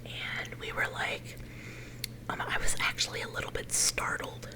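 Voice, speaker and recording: A middle-aged woman leaning in to whisper a casual, unhurried ASMR chat, her whisper a little growly at times. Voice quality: whisper that turns slightly growly. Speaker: ASMR video creator.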